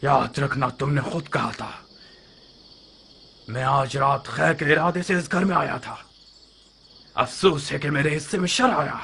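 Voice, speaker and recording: An actor playing an arrogant young nobleman in a dubbed historical drama, speaking in a smooth, taunting, self-assured way. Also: on the high side, measured pace, pauses often, pushed and bright, a little hiss or hum, exaggerated voice. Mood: defiant. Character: scheming young noble suitor, mocking and arrogant.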